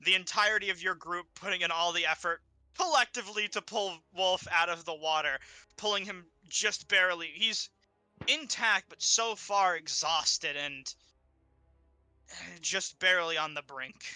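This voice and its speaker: Male game master, very bright tone, slightly high voice, halting descriptive narration, music faintly behind. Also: smooth, no echo.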